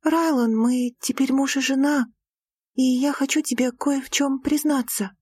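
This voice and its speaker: A woman's voice: steady tone, a little slow, darkish tone, no echo, studio quality. Woman voicing a naive young bride. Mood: earnest. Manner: higher, earnest, emotional delivery. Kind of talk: audiobook reading.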